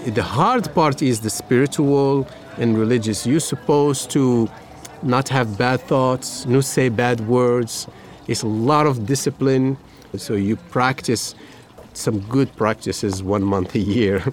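A Moroccan-accented man in his fifties, a native Arabic speaker, is interviewed as a chef and restaurant host while serving food. His voice is medium in pitch and slow, yet he's energetic, telling casual stories full of jokes and playful asides.

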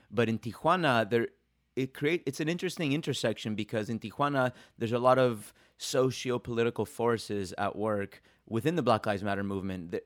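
A man reporting and hosting, telling a documentary story in a steady, earnest way. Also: on the low side, smooth, no echo, clean studio sound. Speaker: podcast reporter and host. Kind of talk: documentary podcast narration.

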